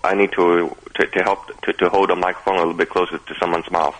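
Deep-voiced man, rushed and stammering. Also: little pitch movement, fairly bright tone, rough recording. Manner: halting, stuttering, repeating words. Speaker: radio show listener and contributor. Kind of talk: casual phone-in chat. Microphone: telephone.

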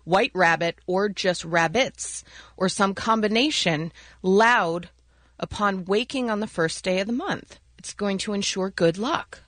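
A woman with a mid-pitched voice co-hosts a radio show. She talks in casual banter, recorded close and dry in a studio. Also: a little slow, a bit bright, no room sound.

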